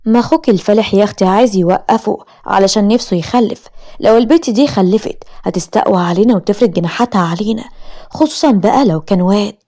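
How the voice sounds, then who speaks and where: A woman's voice: medium pitch, quick pace, mellow, close to an everyday voice. Woman doing a conniving sister-in-law. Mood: scornful. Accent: Egyptian Arabic. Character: scheming cruel sister-in-law, adult woman.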